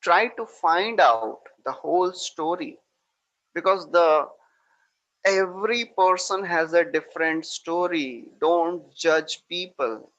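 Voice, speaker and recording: A man with a slightly higher voice teaches a moral lesson like a spiritual teacher. He retells an old epic with earnest emphasis, leaning on fillers and repeated phrases. His delivery is steady and heartfelt. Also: slow pace, dull audio.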